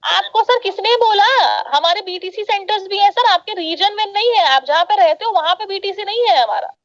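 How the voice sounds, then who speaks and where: A woman's voice: very high voice, fairly quick, muffled recording. A woman working as an education sales counselor, pressing a parent on the phone and talking over his objections. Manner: pushy, persuasive, talks over the caller. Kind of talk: sales call.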